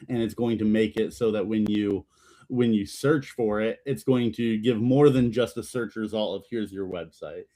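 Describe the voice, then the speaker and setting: Laid back guy co-hosting a podcast, explains stuff plainly. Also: lowish voice. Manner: relaxed, laughing, explanatory. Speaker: podcast co-host. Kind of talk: casual podcast chat.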